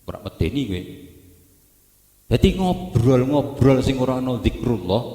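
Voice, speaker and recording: A man with a Javanese accent delivers an Islamic sermon, mixing plain explanation with humor. His voice sits at an ordinary middle pitch. It rings through a big echoey hall with a long, trailing reverb. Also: lively intonation, dark tone. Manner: joking, mixes Indonesian and Javanese, quotes Arabic slowly. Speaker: preacher. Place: mosque or hall gathering.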